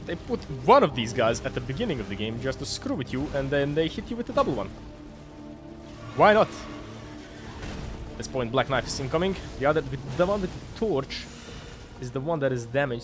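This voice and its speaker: Speaking fairly quickly with frequent pauses, this young man with a Croatian accent and medium pitch streams gameplay from a room at home. Over music, he excitedly swears and laughs at bosses and chats with viewers on his headset.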